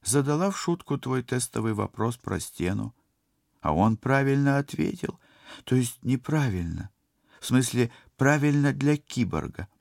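A man's voice: medium pitch, expressive, a little slow, vocal fry, a little mellow, dry recording, clean studio sound, voice pushed up. A man voicing an indignant, skeptical young woman on a spaceship crew in an audiobook, speaking emphatically. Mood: sheepish.

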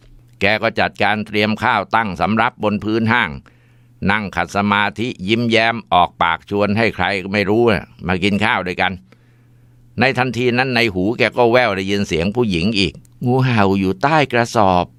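A man tells a ghost story in a relaxed, informal way, now and then pausing on fillers. His voice is low, smooth and clear, recorded on a close mic in a dry space. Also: no echo.

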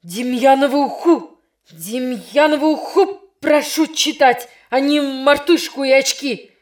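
A woman's voice: medium pitch, animated, unhurried, close to an everyday voice. Woman doing an exasperated stern male teacher. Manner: strict, scolding, formal. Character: stern middle-aged male teacher, kind but exasperated.

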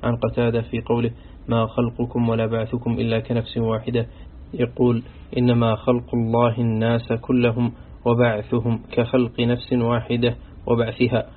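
A man reading aloud from a classical Quran commentary in a steady, scholarly recitation, going through quoted sayings one after another. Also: mid-range voice, moderate pace. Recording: tinny phone-like audio with faint hiss.

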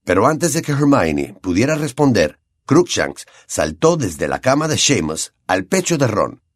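A man with a Latin American Spanish accent reading an audiobook with expressive storytelling, on a close studio mic. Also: medium pitch, a little slow, no echo. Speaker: audiobook narrator. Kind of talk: scripted narration.

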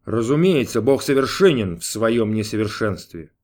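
A man doing a cranky, imperious old God who snaps and grumbles at his servant, his pitch jumping high and loud. The lines come slowly and roll, with a touch of distance from the mic, as in a storybook reading. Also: lively intonation, close to an everyday voice. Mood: capricious. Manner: snapping, grumbling, mocking. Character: grumpy capricious male God, old and imperious. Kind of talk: audiobook character voice.

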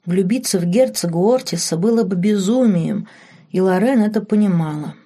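A woman narrating a romance novel audiobook in a measured, softly expressive way. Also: medium pitch, breathy edge.

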